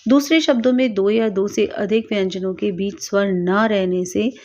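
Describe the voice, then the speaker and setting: A woman teaching a grammar lesson, reading out example words slowly and carefully, one at a time. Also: mid-range voice, steady tone, darkish tone. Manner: slow, careful, spells out each example word. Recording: dull lo-fi recording.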